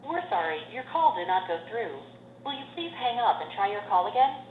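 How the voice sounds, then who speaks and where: A woman's voice: medium pitch, sing-song, fairly quick. A woman's recorded phone message, playing through a speakerphone as a polite, formal, scripted announcement. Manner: polite, formal, repetitive phrasing. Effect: recorded phone message over speakerphone. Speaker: automated phone operator message. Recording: tinny speakerphone line in echoey room with faint hiss.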